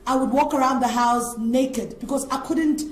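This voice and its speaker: A woman's voice: high-pitched, moderate pace, a little hiss or hum. A woman from Africa, an interview guest telling her personal story in an earnest, rambling way. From South Africa. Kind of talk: candid personal testimony. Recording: echoey room.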